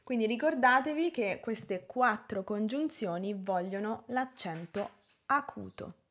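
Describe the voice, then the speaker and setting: A woman teaching a language lesson, pronouncing example words carefully and deliberately. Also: a little high, animated. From Italy. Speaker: Italian teacher. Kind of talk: slow, clear language lesson.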